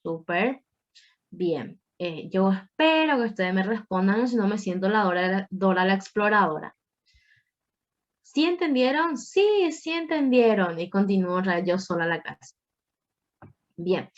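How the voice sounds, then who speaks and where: A woman's voice: medium pitch, moderate pace, highs cut off. A woman teaching a Spanish grammar class online, explaining patiently with playful asides to her students.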